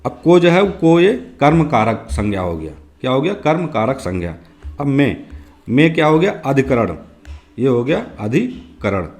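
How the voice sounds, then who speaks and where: A man leads a grammar class for exam prep, with a voice that is a little hoarse and an occasional throat-clear. He poses every question out loud, then answers it and repeats the answer. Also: medium pitch, big pitch swings, measured pace. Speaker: teacher.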